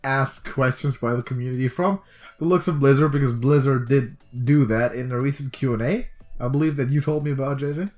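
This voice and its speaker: A male co-host in a loose gaming talk show. He sits at an ordinary middle pitch and keeps a sarcastic, joking tone, with mock-aggressive jabs thrown in. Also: brisk, darkish tone, soft background music. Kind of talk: casual podcast chat.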